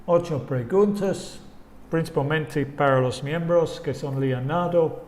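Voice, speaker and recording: A man's voice: on the high side, slow pace, a little mellow, echoey room, a little hiss or hum. A man whose first language is English, teaching an online English lesson in Spanish and repeating example phrases to show rising and falling intonation.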